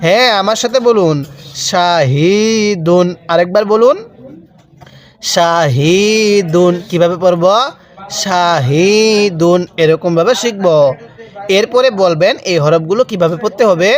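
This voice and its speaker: A man teaching Quranic reading, spelling out words letter by letter, then drawing each out slowly and asking learners to repeat after him. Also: high-pitched. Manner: slow drawn-out recitation of words, quick explanations.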